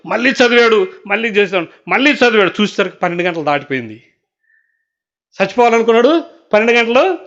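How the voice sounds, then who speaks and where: A man's voice: sits high, pushed and bright, highs cut off. A man preaching a sermon, telling a story and then proclaiming with rising fervor, often checking that his listeners follow. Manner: asks the listeners if they follow. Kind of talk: Christmas sermon, audio message.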